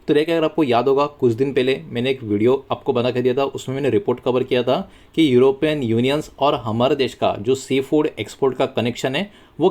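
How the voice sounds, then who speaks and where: A man's voice: medium pitch, darkish tone. Man explaining market news casually. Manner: conversational, mixes English words into Hindi, repeats phrases. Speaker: stock market channel host.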